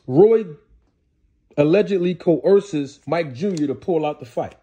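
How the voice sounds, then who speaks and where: Hosting a boxing commentary show, a man delivers explanatory storytelling commentary, emphatic and repetitive, posing rhetorical questions. His slightly high voice is expressive and unhurried, dark and husky. The sound is lo-fi.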